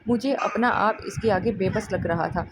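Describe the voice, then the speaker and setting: A woman narrating a dramatic first-person story with emotion. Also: mid-range voice. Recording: steady background noise.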